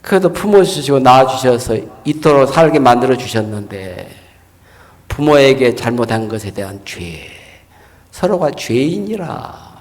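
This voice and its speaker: Man, 60s, pastor; folksy, animated sermon delivery, higher voice, long hall reverb. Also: a little slow. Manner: folksy storytelling with rhetorical questions.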